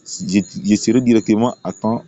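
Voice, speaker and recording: A YouTube presenter pushing a trading platform walks through an unscripted screen-share tutorial, stressing his points and frequently repeating himself. He speaks low-ish and warm, with fairly even intonation at a moderate pace; the recording is dull and lo-fi.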